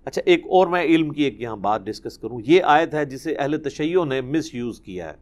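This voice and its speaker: A man's voice: a little high, animated. A man giving a Quran commentary lecture, explaining verses, reciting Arabic and asking rhetorical questions. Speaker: Islamic preacher.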